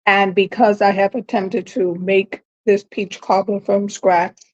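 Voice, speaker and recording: A woman's voice: mid-range voice, little pitch movement, a little slow. A woman, talking casually to viewers in her home kitchen and complaining with dramatic exasperation. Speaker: home cooking vlogger. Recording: dull lo-fi audio.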